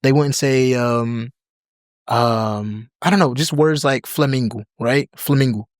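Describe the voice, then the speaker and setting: In a relaxed podcast interview, a young American guest rambles loosely, heavy on fillers like "like" and "you know," and drops into other languages now and then. He keeps a mid-range voice at a measured pace, and the recording is dry.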